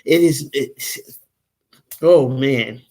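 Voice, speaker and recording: A woman's voice: rumbling low, very slow, mellow. Woman, 40s, tarot reader, casual rambling livestream host, addresses viewers directly.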